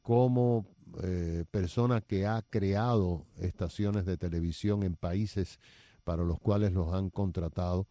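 An older man hosting a radio interview show, talking slowly with many fillers and pauses. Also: sits low, steady tone, mellow, no room sound. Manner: slow, hesitant, with many fillers.

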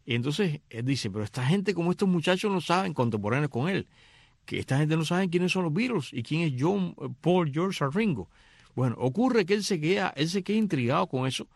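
A man's voice: on the high side, brisk, no echo, studio quality. A middle-aged man casually retelling a film's story, acting out the characters' lines. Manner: animated, acts out dialogue. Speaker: radio host recounting a film.

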